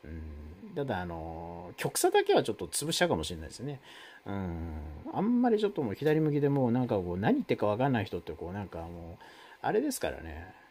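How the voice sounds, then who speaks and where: A man's voice: wildly swooping pitch, fast talker, a little mellow, husky. A man hosting a live stream, chatting casually with viewers and reading their comments, rambling with many fillers. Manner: rambling, many fillers, wide swings in pitch.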